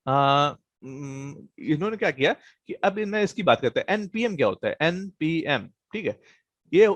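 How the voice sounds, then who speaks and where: A man's voice: a little high, no echo. A man teaching a programming class online, explaining casually and checking in with students, with plenty of fillers. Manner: explains casually, many fillers and "thik hai" check-ins.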